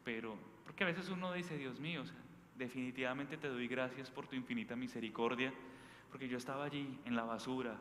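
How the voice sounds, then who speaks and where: Brisk and fairly bright in a mid-range voice, a man with a Bogotá accent preaches as a priest in an informal sermon built around anecdotes. He keeps it conversational and emphatic, checking in with short questions to his listeners. Faint background noise and echo fill the hall.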